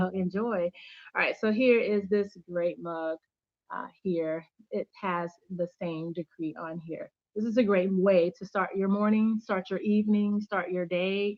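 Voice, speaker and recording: A woman's voice: medium pitch, no echo, highs cut off. A woman hosting a casual faith-based livestream from home, chatty and upbeat, greeting viewers by name and thanking them. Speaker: channel host giving faith-based teaching.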